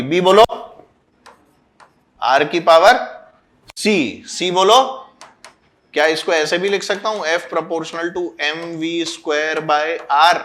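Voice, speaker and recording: A man teaching a physics class, quizzing and scolding students as he mixes in English terms. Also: a little high. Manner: loud, scolding and urging. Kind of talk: classroom lecture.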